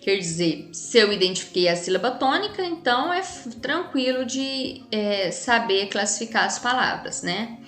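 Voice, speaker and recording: A woman's voice: on the high side, expressive, moderate pace, hardly any pauses, a bit bright. Brazilian woman, teacher, chatty classroom talk, echoey room, faint music behind. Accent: Brazilian Portuguese. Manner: chatty, frequent tag questions. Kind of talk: casual classroom explanation.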